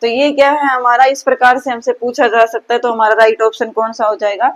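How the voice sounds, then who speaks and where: A woman's voice: fairly high pitch, flat delivery, fairly quick, rough recording. A woman teaching Sanskrit grammar for an exam, often asking her own questions and answering them. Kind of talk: exam-prep lesson.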